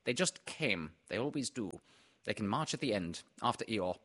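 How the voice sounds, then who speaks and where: A man's voice: lowish voice, animated, moderate pace, fairly bright tone. A man voicing a brusque, sardonic rabbit with a dry, careless manner in a children's storybook. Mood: offhand.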